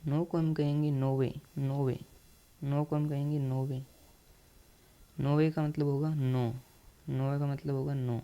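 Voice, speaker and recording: A man's voice: fairly high pitch, flat delivery, measured pace, pauses often, mellow, clean tone. A man teaching a beginner language lesson, who repeats each word several times and spells out its letters. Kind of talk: slow, repetitive counting lesson.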